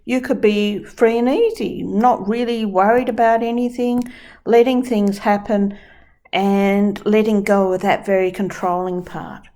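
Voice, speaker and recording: A woman's voice: mid-range voice, steady tone, unhurried, mellow. A woman teaching dream work who talks through a client example step by step. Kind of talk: explaining a dream-work session.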